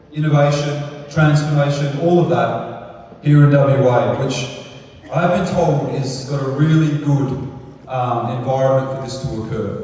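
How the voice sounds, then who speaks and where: Mellow male event host, very echoey hall. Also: medium pitch. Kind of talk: introducing speakers on stage. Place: large echoey event venue. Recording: echoey hall, distant microphone.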